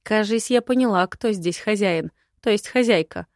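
Woman reading sarcastic young heroine, brash, defiant, mid-pitched. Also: moderate pace, dry recording, clean studio sound, lightly acted. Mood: snarky. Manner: snappy, mocking retorts.

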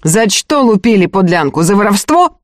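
A woman voicing a cruel female estate manager who sneers and barks orders in a shrill, cutting voice. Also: sing-song, moderate pace, dry recording, studio quality, natural voice. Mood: shrill commanding.

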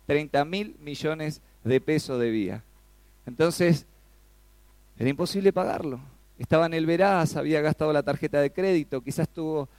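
An Argentine man preaches with a gravelly, fairly high voice. He gets animated, throws questions at his listeners and leaps up in pitch when he acts out a plea. The sound is dry and close, with no room echo. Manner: animated, rises sharply when acting out pleas; asks the congregation questions. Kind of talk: sermon.

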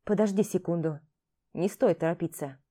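A woman's voice: lowish voice, normal speed, mellow, lightly acted. A woman voicing a nervous, bookish young man who grumbles reluctantly. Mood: cautious.

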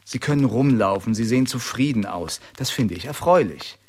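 A bitter, sarcastic older brother. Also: male voice, medium pitch, lively intonation, normal speed, a little mellow, husky. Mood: bitter sarcasm. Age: middle-aged. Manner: sarcastic, accusing. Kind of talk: radio play acting.

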